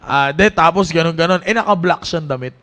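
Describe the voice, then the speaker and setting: Brief: man, youth preacher, high voice, animated and joking, church sermon. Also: fairly quick. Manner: animated, joking storyteller who breaks into laughter. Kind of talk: casual Taglish sermon to young people.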